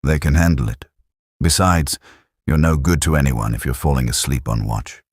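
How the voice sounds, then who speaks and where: A man's voice: a bass voice, moderate pace, breathy edge, no echo, studio quality. A man voicing a practical, commanding Welsh platoon sergeant. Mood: brisk.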